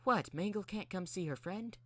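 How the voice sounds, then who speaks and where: A man's voice: high-pitched, moderate pace, sharp tone, pitched above the performer's own voice. A man voicing a hyper, cheerful female robot spirit girl who talks about herself in the third person. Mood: playful.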